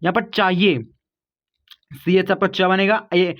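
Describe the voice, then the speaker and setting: A man's voice: high-pitched, flat delivery, takes it slowly, a bit bright. A man teaching an online spelling lesson, explaining patiently step by step and calling his viewers kids and guys.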